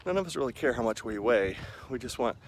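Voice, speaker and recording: A mid-range, expressive voice moves at a fast clip as this forties-aged vlogger paces around a park by a lake. In his casual running vlog he rambles and pokes fun at himself, with outdoor ambient noise coming through clearly.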